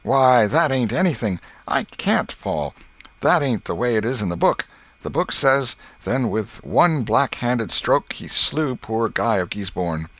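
Deep-voiced guy doing a bossy excitable boy from a storybook, pitched way up, loud and pushy. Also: measured pace, few pauses, no room sound.

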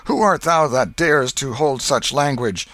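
A man's voice: medium pitch, unhurried, fairly bright tone, no room sound, pitched above the performer's own voice, natural voice. A man reading aloud and voicing a stubborn boy who plays a rival knight, defiant and indignant. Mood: theatrical. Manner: defiant, indignant, mock-old-fashioned talk.

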